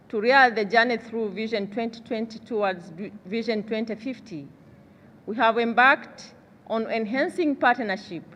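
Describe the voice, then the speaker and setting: A middle-aged woman with a Rwandan accent delivers a formal, measured podium speech, read from notes as a government delegate. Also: a little high, a bit bright, highs cut off. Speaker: government official, delegate speaker. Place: large conference hall. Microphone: podium gooseneck microphone. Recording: reverberant large hall, background noise.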